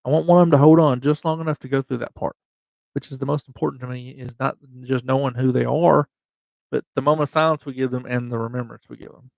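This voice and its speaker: Gravelly-voiced man reading names, slightly slurred. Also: mid-range voice, steady tone, a little mellow, no room sound. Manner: halting, restarts often, reads dates and units slowly. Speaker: livestream host. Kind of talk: casual memorial reading on a livestream.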